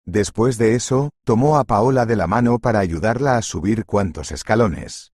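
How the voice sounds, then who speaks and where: Husky low male story narrator. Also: moderate pace, a little mellow, no room sound, studio quality.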